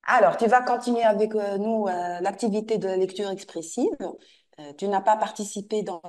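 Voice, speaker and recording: A woman teacher leads a French lesson. She speaks patiently at a mid pitch, repeating and slowly modeling words so the pupil can follow. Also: a little mellow.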